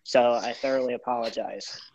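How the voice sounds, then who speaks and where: A man's voice: mid-range voice, fairly even intonation, normal speed, darkish tone. Man echoing in a garage. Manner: earnest, rambling with many fillers. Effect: echoey garage sound. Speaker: YouTuber. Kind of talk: group apology video. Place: home garage. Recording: dull lo-fi echoey garage.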